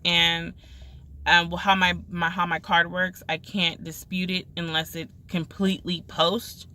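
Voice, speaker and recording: Bright-voiced woman retelling a story. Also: lowish voice, unhurried. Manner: animated retelling, acts out quoted lines. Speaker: vlogger. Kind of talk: casual storytelling vlog.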